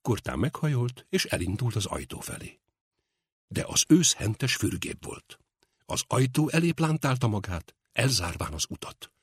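A man narrating an audiobook in a lively, expressive reading. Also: mid-range voice, slightly rough, no echo, studio quality.

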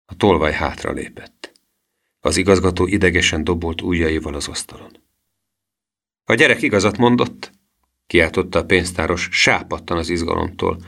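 Man, audiobook reading, storybook narration, steady, deep low voice. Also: creaky.

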